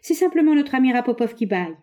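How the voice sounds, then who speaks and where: A woman's voice: a little high, big pitch swings, very fast, mellow, voice pushed up. A woman reading aloud, voicing a polite, earnest hunchbacked man who explains himself courteously.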